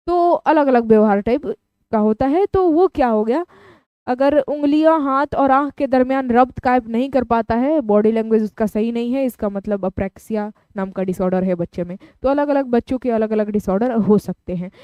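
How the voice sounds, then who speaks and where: A woman's voice: on the high side, moderate pace, smooth, dry recording, highs cut off. A woman teaching an exam-prep lecture, explaining each term and repeating it in plain words. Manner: explanatory, repeats terms in several languages.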